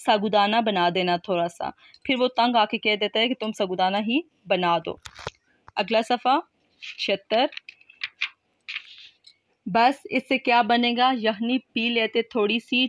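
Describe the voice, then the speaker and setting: A woman teacher works through a play text, reading each line and then pausing to explain difficult words in simple terms. Her voice sits at an ordinary middle pitch. The recording is close and dry, with no room sound. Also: no room sound. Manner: reads lines then explains words plainly.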